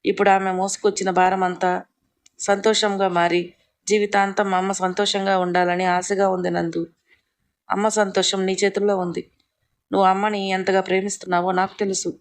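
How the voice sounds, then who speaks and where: An earnest young woman pleads with a close family friend, her voice steady and flat in pitch. A narrator reads her lines in a plain storybook reading, with little change of tone. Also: close to an everyday voice.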